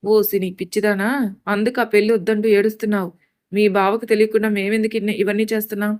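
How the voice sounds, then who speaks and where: An affectionate older woman gently scolds a young girl in a read-aloud story, as a woman narrator voices her. Her tone is fond and chiding. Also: mid-range voice, little pitch movement, quick pace, natural voice.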